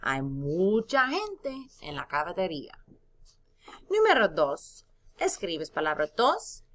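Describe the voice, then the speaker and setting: A woman's voice: fairly low pitch, huge pitch swings, slow, fairly bright tone. A woman teaching a recorded lesson, spelling words out letter by letter, stretching syllables and praising her students between prompts.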